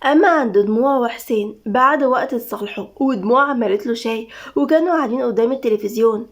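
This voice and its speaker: A woman with an Egyptian accent narrating an audio story in a brisk, dramatic reading. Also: a little high.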